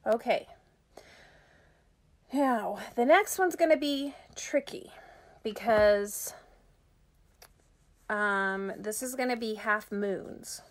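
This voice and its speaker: A woman's voice: mid-range voice, very slow, pauses often. A middle-aged woman doing a casual live makeup tutorial, chatting with her viewers as she works. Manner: chatty, talks to viewers while working. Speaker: makeup vlogger.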